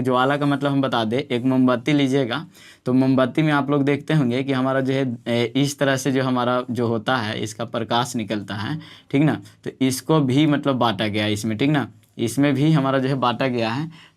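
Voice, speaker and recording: A man teaching a school science class in a casual, rambling way, full of fillers and checking-in tag questions. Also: mid-range voice.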